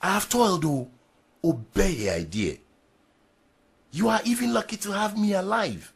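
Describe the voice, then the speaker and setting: A man acting as a proud ex-soldier sergeant in a period drama, speaking with a Ghanaian English accent. His voice is gravelly and husky, and it swings widely in pitch as he makes his speeches. He sounds defiant and forceful. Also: sing-song, moderate pace, heavily acted. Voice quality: raspy, gravelly.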